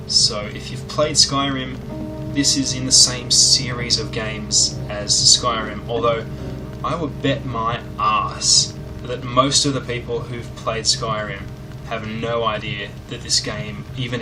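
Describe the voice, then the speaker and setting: A man hosting a retro game show with casual, irreverent, joking commentary. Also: mid-range voice. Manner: wry, irreverent. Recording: slightly distant mic, music behind.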